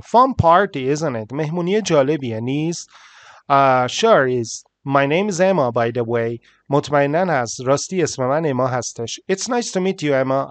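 A male English teacher explaining a listening lesson, saying English examples slowly and explaining them quickly. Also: mid-range voice, dry recording.

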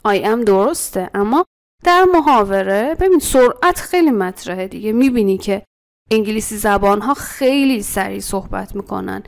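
A woman teaching an English lesson as a voice-over. She explains the textbook with animated energy, slows down to model short phrases and repeats them for her students. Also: mid-range voice, vocal fry.

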